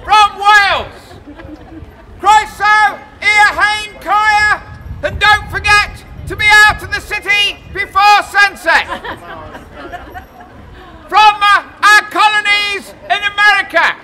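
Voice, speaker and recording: An older man works as a town crier, declaiming in a very high, raised voice. His delivery is slow, theatrical and jovial. He is outdoors on a noisy street with a crowd around him. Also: steady tone. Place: outdoors on a busy city shopping street. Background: crowd and street noise.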